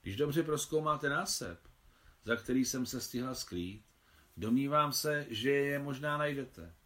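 A man's voice: medium pitch, a bit bright, lightly acted. A man voicing a bold young Russian countess.

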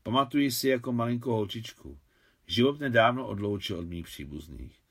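A man voicing a wealthy, gracious older widow who grew up in Russia, speaking gently and courteously in an audiobook. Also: medium pitch, lively intonation.

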